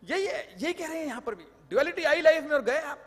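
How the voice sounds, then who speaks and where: A man's voice: very high voice, expressive, brisk. A man giving a live lecture on tax law, explaining with jokes and anecdotes and mixing in English terms. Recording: long hall reverb.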